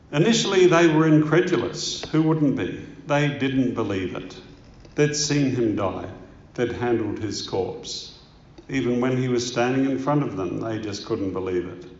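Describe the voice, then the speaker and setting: A man's voice: mid-range voice, a little mellow. A man preaching a sermon, asking rhetorical questions and telling stories with emphasis. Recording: echoey room, dull lo-fi sound.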